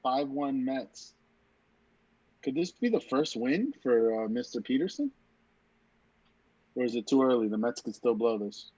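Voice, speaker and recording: A man with a dry, teasing delivery who slips into deadpan play-by-play calls. His voice comes through a dull, slightly muffled mic with no room sound. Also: medium pitch, measured pace, pauses often, breathy edge, no room sound. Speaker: podcast co-host. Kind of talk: casual watch-party chat with mock play-by-play.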